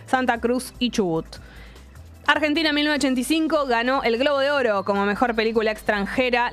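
Chatty porteña woman, higher voice. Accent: Buenos Aires porteño Spanish. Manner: chatty, quick asides, many fillers. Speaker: podcast co-host. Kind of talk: casual chat and reading news headlines.

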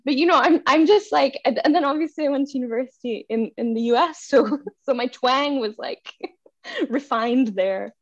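Her voice is high-pitched and moves at a normal speed. As a young woman from Bangladesh with an American accent appearing as a podcast guest, she's chatty, self-deprecating, and often laughing through the casual chat. The audio is dry and dull.

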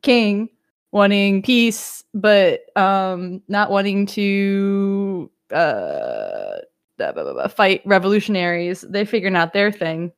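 A woman's voice: medium pitch, very animated, takes it slowly, gravelly, clear, resonant tone. A woman casually recapping an episode on a podcast, rambling with laughter and many restarts. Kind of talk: casual chat.

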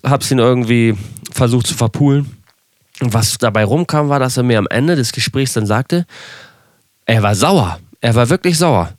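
Young male podcaster, dry close sound, rambling candid storytelling, mid-pitched voice. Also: no echo. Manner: rambling, self-correcting, candid with wry asides. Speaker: podcast host.

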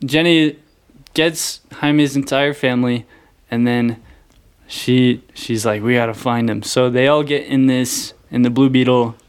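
A man co-hosting a laid-back movie review podcast, talking through scenes in a mid-range voice. He keeps slipping into quick mock quotes of the characters. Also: medium pitch, fairly even intonation, clear, resonant tone. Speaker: podcast co-host. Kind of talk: casual movie review chat.

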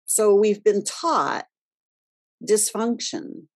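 A woman hosting a wellness show, giving a spiritual self-help talk in a deliberate manner with pauses for emphasis. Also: mid-range voice. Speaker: host of a wellness radio show.

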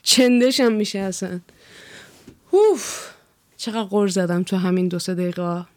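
A young woman from Iran, a vlogger talking in a blunt, profane, animated rant, laughing as she goes. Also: mid-range voice, dry recording. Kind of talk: casual chat.

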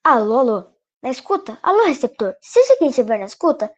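A woman's voice: sits high, very animated, quick pace, a little hiss or hum. A woman playing a confident, spooky-minded child who makes declamatory announcements in a children's horror audio drama. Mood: mysterious.

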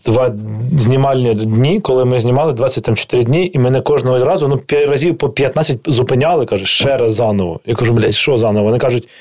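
A man, a guest chef, chatting casually and telling lively stories, swearing freely and acting out the voices of people he quotes. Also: medium pitch, quick pace, few pauses. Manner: animated storyteller who swears freely and acts out quoted dialogue. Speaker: guest chef and TV cooking host. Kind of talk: casual podcast chat.

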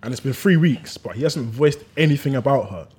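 A young man speaks quickly in a London roadman accent. His mid-pitched voice has a husky grain, and he challenges his friends with questions in an informal debate. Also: animated, darkish tone. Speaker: podcast co-host.

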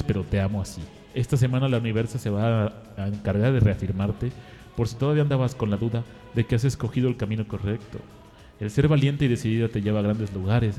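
A man's voice: mid-range voice, warm tone, close to an everyday voice. A man playing a campy Mexican fortune teller. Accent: Mexican Spanish. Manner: theatrical, sighing "ay" between predictions. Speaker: radio comedy character.

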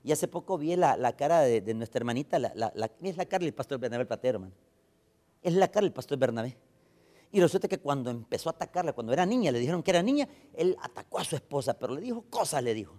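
A man with a Salvadoran accent preaching a sermon, emphatic and swinging between loud and soft, often calling out to the brothers. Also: mid-range voice, animated, fast talker.

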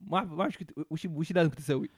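A young man from Oman, co-hosting a casual podcast and telling stories in relaxed banter. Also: fairly high pitch, slightly rough, no echo, studio quality. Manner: quick, storytelling, relaxed banter. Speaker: podcast co-host.

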